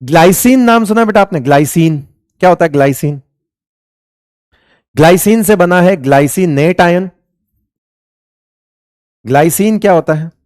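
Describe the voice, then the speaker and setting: A male chemistry teacher lecturing a class, firing the same question again and again before answering it himself. His voice sits a little high for a man, and he calls his students beta and raja. The sound is dry and close, with little room echo. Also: animated, moderate pace, long pauses, a little mellow.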